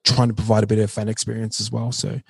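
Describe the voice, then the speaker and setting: A man's voice: fairly low pitch, flat delivery, fast talker, vocal fry, slightly rough, no room sound. A man from New Zealand with a broad Kiwi accent, chatting casually and slangily as a podcast guest. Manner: slangy, informal, frequent "bro" and "man". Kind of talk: casual interview chat.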